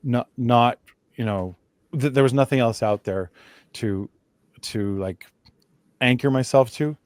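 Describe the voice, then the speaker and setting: A man co-hosting a podcast in casual chat, speaking haltingly with many restarts and fillers. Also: mid-range voice, no echo. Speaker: podcast co-host.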